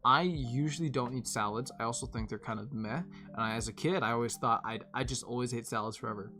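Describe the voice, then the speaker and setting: Young woman streamer just rambling to chat, low voice, lots of little laughs, gets loud then sleepy. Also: quick pace, soft background music. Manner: rambling, laughs often, swings from animated to tired and quiet. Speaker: live streamer. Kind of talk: casual chat with stream viewers.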